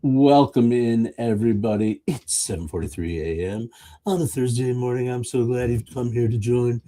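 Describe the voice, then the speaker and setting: A male radio show host putting on a slow, drawn-out AM radio announcer voice in a playful, self-mocking way. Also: medium pitch, warm tone.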